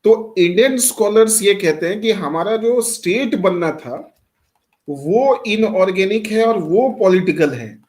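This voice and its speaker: A middle-aged man from Bihar, India, delivers a classroom lecture in a high-pitched, animated voice that has a darkish tone and a measured pace. He mixes lots of English into Hindi, answers his own rhetorical questions, and calls on students by name.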